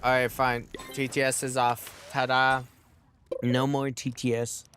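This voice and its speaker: A man's voice: mid-range voice, flat delivery, a little slow, a bit bright, a little hiss or hum. A man streaming a game live, talking in a blunt, offhand way, swearing casually and answering his viewers. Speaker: livestreamer helping viewers in a game.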